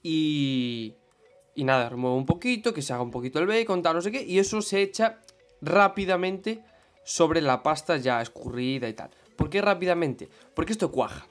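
A man's voice: a little high, moderate pace, soft background music. Young madrid guy chatting on a podcast, laid back, swears a bit. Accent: Madrid Spanish. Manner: relaxed, swears casually. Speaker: podcast co-host. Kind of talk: casual chat.

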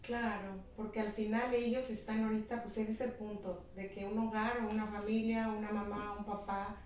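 A woman's voice: mid-range voice, flat delivery, moderate pace, darkish tone, a little hiss or hum. Agreeable woman host, echoey room. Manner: agreeable, affirming, chimes in. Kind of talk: casual conversation. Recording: echoey room, distant mic, faint ambience.

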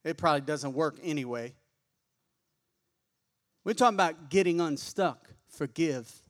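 High-voiced preacher man. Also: unhurried. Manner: call-and-response preaching, colloquial and animated. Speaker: pastor. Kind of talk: sermon.

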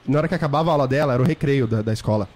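Fast-talking young man telling a story. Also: mid-range voice. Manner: animated, acts out voices and shouts in his stories; laughs often while telling. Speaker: podcast guest. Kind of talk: casual storytelling.

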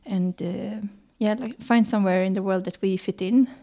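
Woman in her thirties, native Swedish speaker, interview guest, mellow dark tone, flat intonation, halting delivery. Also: medium pitch. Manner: hesitant, halting with repeated words. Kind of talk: casual interview answers.

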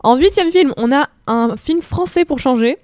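A woman's voice: high-pitched, animated, moderate pace, a little mellow, no room sound. An eighteen-year-old woman hosting a film segment on the radio, chatting casually in a playful, joking way from a studio microphone. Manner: playful, lightly joking while listing films.

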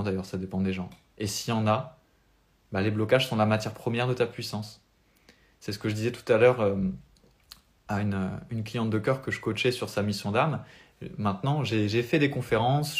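Speaking on the low side with a French accent, a young French spiritual life coach delivers a sincere, motivating talk live, unscripted.

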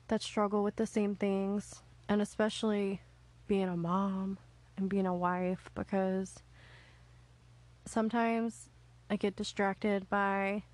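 Slow-talking woman podcast co-host. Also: medium pitch, darkish tone. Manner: chatty, giggly, confessional. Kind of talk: casual chat.

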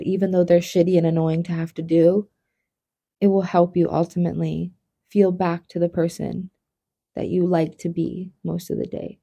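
A woman co-hosting a podcast, talking softly and reflectively in casual chat about a hard personal time. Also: on the low side, slightly rough. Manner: soft-spoken, emotional, reflective. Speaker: podcast co-host.

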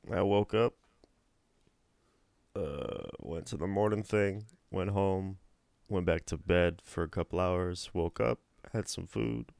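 A young man co-hosts a casual podcast in a laid-back, groggy morning voice, running through things in an even list. His voice is very deep, with a gravelly fry under a smooth, resonant tone. The recording is dry and close. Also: slow, dry recording. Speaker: podcast co-host. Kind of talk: casual chat.

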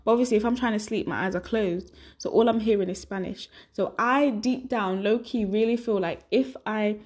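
A woman's voice: mid-range voice, normal speed, darkish tone. A young adult woman hosting a solo podcast, chatting casually and rambling, often laughing at herself. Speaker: podcast host.

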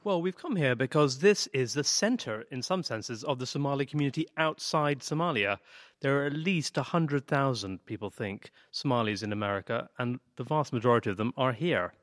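A man reporter explaining a situation in a measured, thoughtful way during a studio discussion. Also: medium pitch, expressive, no room sound.

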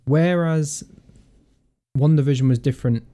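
A man's voice: a little high, moderate pace, mellow. A man hosting a casual podcast chat, joking, laughing often and restarting his sentences. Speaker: podcast host.

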